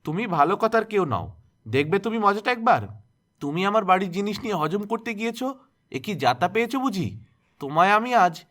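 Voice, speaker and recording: Man voicing a shrill domineering village matron. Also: big pitch swings, a little fast. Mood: scolding. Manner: shrill scolding, threatening. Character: harsh domineering older village woman.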